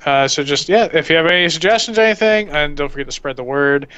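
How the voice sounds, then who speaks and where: A man's voice: on the high side, animated, fast, bright, forceful tone, clear, resonant tone, dry recording. Rambling man on a lo-fi mic. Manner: rambling, self-deprecating. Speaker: podcast co-host. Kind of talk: casual chat.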